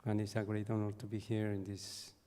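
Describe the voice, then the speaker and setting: Elder man from central Mexico, unhurried, low warm voice, big hall. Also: monotone. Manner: slow and measured. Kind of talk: ceremonial greeting. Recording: long hall reverb.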